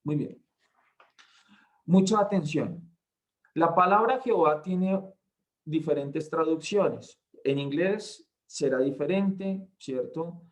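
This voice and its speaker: A man leads an online Bible lesson. He speaks slowly and with emphasis, reads verses aloud, and keeps checking that his listeners follow. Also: fairly high pitch. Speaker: Bible class tutor.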